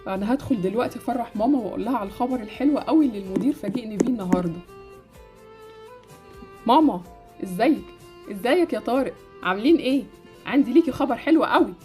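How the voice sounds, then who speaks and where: A woman's voice: a little high, lively intonation, rapid-fire, over music, natural voice. A woman with an Egyptian accent voicing a happy, polite schoolboy in an amateur game animation. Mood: happy, excited.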